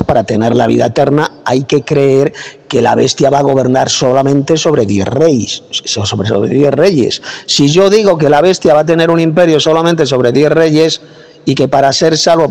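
Scolding Spanish preacher, higher voice. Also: male voice, in a large hall. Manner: forceful, scolding, speaks with authority. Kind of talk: combative preaching monologue. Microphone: phone mic.

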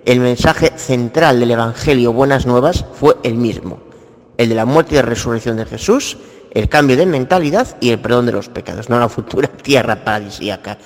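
A man's voice: mid-range voice, a little fast, big-room sound. A man, mocking and sarcastic toward an opponent in a religious debate. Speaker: debate participant.

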